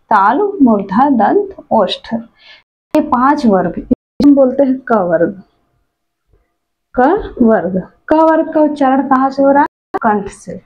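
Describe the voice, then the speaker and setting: A woman's voice: sits high, mellow. A woman teaching a Hindi grammar lesson for exam preparation. She recites letters one at a time and asks questions that she answers herself. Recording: dull lo-fi recording.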